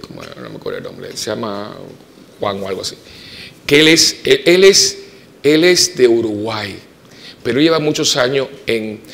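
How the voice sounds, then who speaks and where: A man with a Puerto Rican accent, a parish priest preaching a homily full of personal stories, swinging from emphatic peaks to soft, quiet asides. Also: medium pitch, gravelly. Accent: Puerto Rican Spanish. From Puerto Rico. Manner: animated storytelling, rising to emphatic peaks and dropping to soft asides. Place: church.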